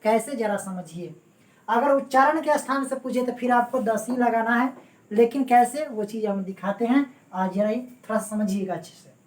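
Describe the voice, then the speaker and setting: A woman's voice: on the high side, moderate pace, recorded from a distance. Woman lecturing in an echoey room. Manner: repeats points and keeps checking understanding, addressing students fondly. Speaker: Hindi grammar teacher. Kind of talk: exam-prep classroom lecture. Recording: roomy echo, voice away from the mic.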